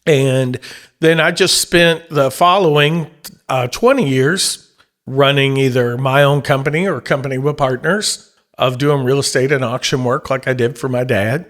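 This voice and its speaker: A man's voice: medium pitch, fairly bright tone. A middle-aged man, a professional Santa and auctioneer, telling his story in an easygoing, casual interview. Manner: easygoing storyteller, breaks into quick auctioneer chant.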